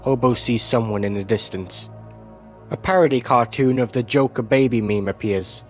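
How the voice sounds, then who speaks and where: Over background music, a man with a mid-range voice narrates a video essay at normal speed. His scripted narration recaps an animated series in a descriptive, storytelling style.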